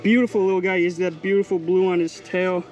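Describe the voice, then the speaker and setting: Young male outdoors vlogger, higher pitch, upbeat chatter from a boat, action-cam sound with background music. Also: quick pace. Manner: excited, chatty, calls viewers "guys" and "bro". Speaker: fishing vlogger host. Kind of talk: casual running commentary. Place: outdoors on a small boat on a bay. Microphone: body-worn action camera. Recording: music playing underneath.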